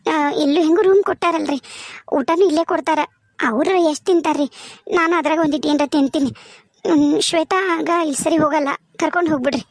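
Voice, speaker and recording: Woman doing a calm cartoon wife, north karnataka accent, high dry voice, practical. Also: quick pace, long pauses, dry recording. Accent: North Karnataka Kannada. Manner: soothing, practical. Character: anxious village wife caring for her husband. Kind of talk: cartoon voice acting.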